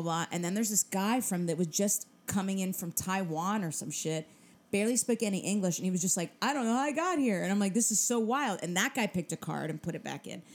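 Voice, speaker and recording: A woman's voice: on the low side, a little mellow. A woman co-hosting a casual podcast chat, telling a story with energy, swearing freely and acting out what people said. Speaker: podcast co-host.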